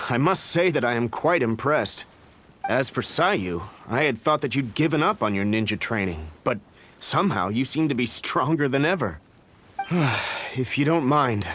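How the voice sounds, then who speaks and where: A man voicing a gentle, grateful middle-aged father in a game, speaking courteously and with relief. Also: medium pitch, a little hiss or hum. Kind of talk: game voice acting.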